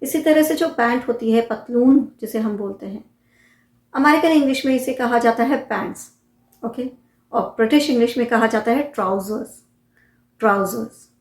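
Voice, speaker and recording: A woman's voice: fairly high pitch, moderate pace, roomy sound. Indian woman teaching English words. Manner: repeats each word twice, asks the listener questions. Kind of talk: casual explanatory lesson.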